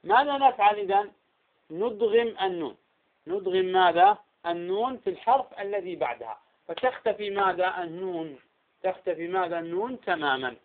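High-voiced man teaching over a tinny line. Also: animated, fairly quick. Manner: keeps asking quiz questions and answering them himself. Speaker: Quran recitation teacher. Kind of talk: tajweed lesson.

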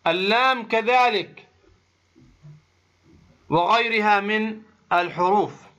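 A man teaching the rules of Quran recitation slowly and deliberately, asking questions and answering them himself, and stretching example words to show how long the vowels are held. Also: high voice, sharp tone, highs cut off. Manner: slow and deliberate, asks and answers his own questions. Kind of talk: tajweed lesson explaining a didactic poem.

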